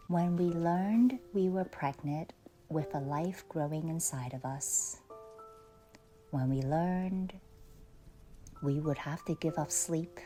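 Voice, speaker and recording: In a low-quality recording, a low-pitched woman leads a calm guided meditation. She speaks slowly and soothingly, leaving long pauses and letting her words fade into breathiness, while soft music plays faintly.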